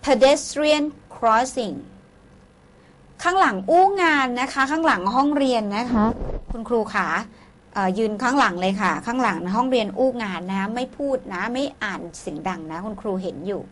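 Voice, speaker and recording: A woman teacher giving a classroom lesson, leading the students through vocabulary drills with slow, clear model words. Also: on the high side, expressive, a bit bright, slight background noise.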